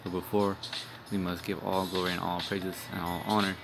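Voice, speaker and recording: A young preacher's low, creaky voice stays flat but brisk as he delivers an informal street-style sermon on video. Blunt and profane, he rambles and punctuates lines with "man" and "all right," with music in the background.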